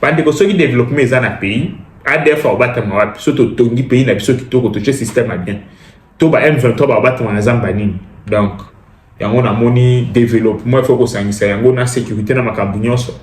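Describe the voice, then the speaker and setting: A Congolese man delivers impassioned commentary, repeating phrases emphatically and moving between languages. His voice is mid-range and quick, and the sound is reverberant.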